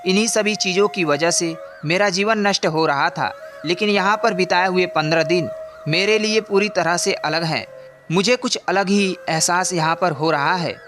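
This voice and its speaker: A man voicing a young prince in a storybook, calm and reflective, speaking in a steady, earnest way. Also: sits high, normal speed, background noise, natural voice. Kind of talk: scripted storybook narration.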